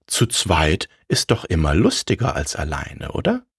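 A plucky little tailor from a storybook, as a male narrator voices him, friendly and curious, his pitch bouncing up and down. The voice is husky and dry, close to the mic. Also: wildly swooping pitch, measured pace, a bit bright, dry recording, exaggerated voice. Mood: cheerful.

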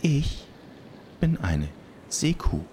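A man's voice: medium pitch, big pitch swings, very slow, warm tone, slight background noise, voice pushed up. A man doing Nelly, a cheerful sea cow. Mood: friendly. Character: friendly female sea cow.

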